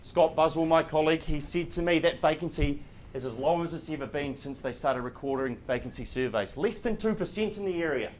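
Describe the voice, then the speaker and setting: A man's voice: a little high, lively intonation, a little fast, a little mellow. A man speaking as an auctioneer, in polished, courteous, formal auction patter. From New Zealand. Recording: clear background room noise.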